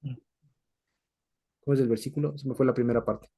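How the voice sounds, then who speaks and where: A man's voice: medium pitch, steady tone, unhurried, warm tone, breathy edge. A man teaching a scripture study to a group, explaining each point patiently, repeating himself and often asking the listeners whether they follow. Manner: explanatory, repeats points and checks understanding with frequent questions. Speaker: Bible teacher.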